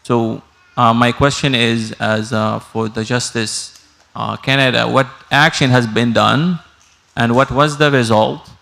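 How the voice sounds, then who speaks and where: A man in the audience at a mosque gathering asks a question in a halting way, with many pauses. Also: mid-range voice, fairly even intonation, creaky, a bit bright. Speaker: audience member. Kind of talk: asking a question at a community Q&A. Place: mosque hall.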